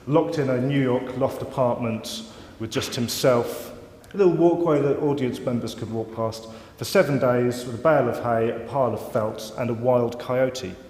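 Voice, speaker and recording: A man's voice: medium pitch, normal speed, few pauses, a little mellow. A man giving a live lecture, wry and self-mocking, with rambling asides. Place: lecture hall. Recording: roomy hall reverb, faint ambience.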